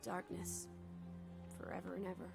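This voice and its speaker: A woman's voice: on the low side, monotone, normal speed, gravelly, husky, soft background music, exaggerated voice. A woman playing a playful young woman with a morbid streak in a video game. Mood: morbid, dramatic.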